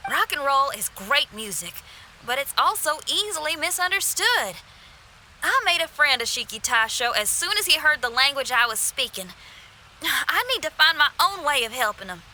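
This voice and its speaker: Bright, folksy young rocker girl Xinyan. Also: high voice, very animated, normal speed, slight background noise, exaggerated voice. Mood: earnest, folksy. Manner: folksy, spirited. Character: spirited young woman rock musician, loyal and fiery. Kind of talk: animated video game voice acting.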